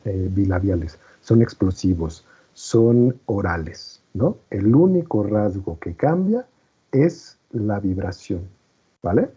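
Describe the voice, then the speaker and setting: A man's voice: on the low side, dark tone, breathy edge. A man teaching a class, explaining patiently and often checking that students follow. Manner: patient, checks understanding with frequent "¿no?" and "¿vale?". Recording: muffled lo-fi recording.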